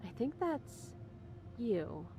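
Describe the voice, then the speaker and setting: A dry, sardonic chained princess. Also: female voice, on the high side, very animated, very slow, dark tone, exaggerated voice. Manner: dry, wry, teasing. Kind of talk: video game voice acting. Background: game music.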